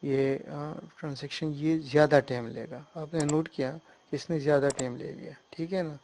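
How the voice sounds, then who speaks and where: A man talks through a software tutorial on his computer. His voice sits on the higher side and stays flat and even as he explains each step, often stopping to make sure the listener is following. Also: slight background noise. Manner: hesitant fillers and restarts while working on screen. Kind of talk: screen-recorded software tutorial.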